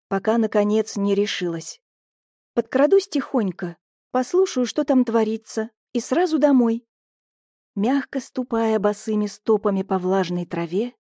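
A woman narrating a first-person audiobook in a lively, mocking manner. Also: on the high side, no echo, clean studio sound.

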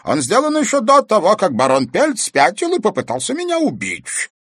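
A man voicing an irritable, cunning old man who blusters loudly when pressed in an audiobook. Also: high voice, huge pitch swings, normal speed, husky, no echo, studio quality, pitched above the performer's own voice, heavily acted. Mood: irritated. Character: grumpy, cunning old man, easily angered.

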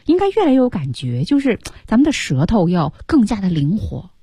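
A woman's voice: mid-range voice, wildly swooping pitch, fairly quick, mellow, breathy edge, no echo, studio quality. A woman hosting a radio lesson, encouraging listeners and repeating key words for emphasis. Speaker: radio program host.

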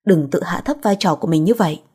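A woman's voice: fairly low pitch, mellow, breathy edge. A woman voicing a composed, principled young married woman who speaks firmly. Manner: firm, measured.

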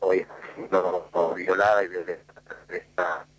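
Un hombre con acento argentino habla desde el teléfono en un tren, con la señal que se corta a ratos, explicando con seriedad y muchas pausas con "eh". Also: male voice, sits low, flat delivery, slight background noise. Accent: Argentine Spanish. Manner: earnest, measured, many "eh" fillers. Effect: phone call from a moving train, signal cutting out. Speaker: guest caller. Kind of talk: phone interview commentary. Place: on a train. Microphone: phone.

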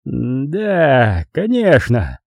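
Man voicing a despairing man, slow, heavy, audiobook, husky. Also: fairly high pitch, sing-song, mellow, no room sound, pitched above the performer's own voice, full character voice. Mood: grim. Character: despairing guilt-ridden man, weary and drawn out. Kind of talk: audiobook character voice.

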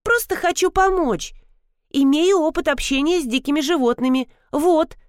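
A woman's voice: high-pitched, normal speed, no room sound, clean studio sound, voice pushed up, natural voice. A woman voicing an eager, pushy young woman who boasts and insists on joining in.

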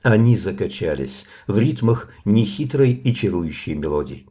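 Low, mellow male audiobook narrator. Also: expressive, moderate pace, breathy edge. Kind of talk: audiobook reading of a novel.

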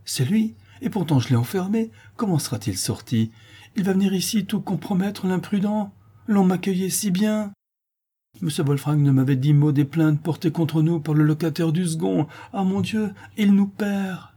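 A man voicing a timid, emotional gentleman who stammers and gushes, in an audiobook reading. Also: medium pitch, normal speed, breathy edge, lightly acted. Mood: panicked. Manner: stammering, gushing, tearful. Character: timid, emotional middle-aged man, easily flustered.

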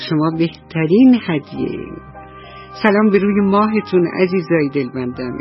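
A woman storyteller narrating a bedtime story for children on the radio, gentle and affectionate. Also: on the low side, dull audio.

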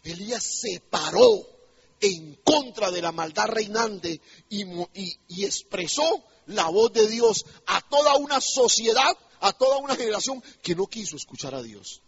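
A man's voice: high voice, animated, moderate pace, a bit bright, dull audio. A male pastor preaching an emphatic sermon in a church, putting rhetorical questions to the congregation.

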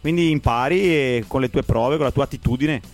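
A man's voice: mid-range voice, brisk, faint music behind. A man in his forties with a Venetian accent, chatting informally and jokily in a radio interview and slipping into Italian dialect. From Veneto, Italy. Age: 40s. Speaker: rapper, interview guest.

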